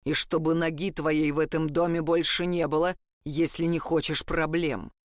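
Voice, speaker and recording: A stern older father gives orders slowly and coldly, biting off each syllable, as a woman narrator plays him. The voice drops well below her own, recorded dry and close. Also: deep voice, flat delivery, no echo, voice pushed down, natural voice. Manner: slow, clipped, commanding.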